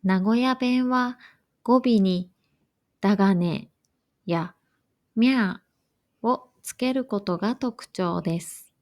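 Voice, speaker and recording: A woman reading a scripted lesson for learners in a slow, careful, even way. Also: a little high. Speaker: language teacher.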